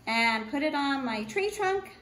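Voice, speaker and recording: Working with her hands at a wooden table in an indoor room, a middle-aged woman teaching art walks children through a craft in short, simple steps, never hurrying. Her voice sits high, a bit bright, with lively intonation. Recorded by a camera a couple of meters off, the room echoes and faint noise lingers.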